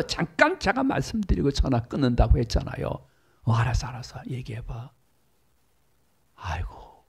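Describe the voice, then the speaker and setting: Man, middle-aged, pastor, church sermon, mellow dark tone, raspy husky voice, storytelling with acted dialogue. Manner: storytelling, acts out dialogue with big pitch jumps. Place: church sanctuary.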